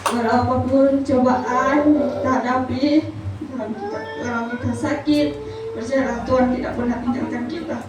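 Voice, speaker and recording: A woman tells her testimony in a soft, halting way, with many pauses. Her voice sits high, and it reaches the mic from a distance. The hall around her rings with heavy echo, and there is a clear noisy hum behind her. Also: steady tone. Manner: soft, hesitant storytelling with pauses. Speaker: church member giving testimony. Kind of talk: personal testimony at a church service. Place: church hall. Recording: very echoey hall, voice from far off, noisy.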